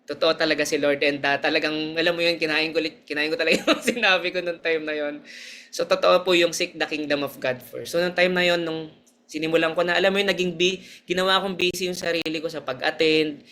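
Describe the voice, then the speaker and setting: Bright high-voiced young man giving testimony. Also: fairly even intonation, fast. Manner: earnest, chatty, mixing Tagalog and English, laughs often. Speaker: church member sharing testimony. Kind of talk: personal testimony.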